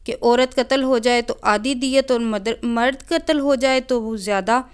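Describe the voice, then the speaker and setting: Defiant young woman student leader, read by a woman, combative, insistent, high clear voice. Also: natural voice. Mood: indignant.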